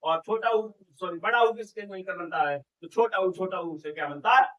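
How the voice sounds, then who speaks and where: Bright-voiced man teaching exam Hindi. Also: sits high, poor audio. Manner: repeats questions and answers them himself, drawn-out vowel demonstrations; affectionately addresses students. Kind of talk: exam-prep classroom lecture.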